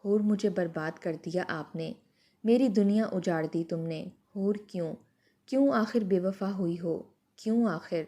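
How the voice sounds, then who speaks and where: Brief: a woman doing a grieving young husband, emotional and pleading, mellow storybook voice. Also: high-pitched. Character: heartbroken young husband, pleading then resigned.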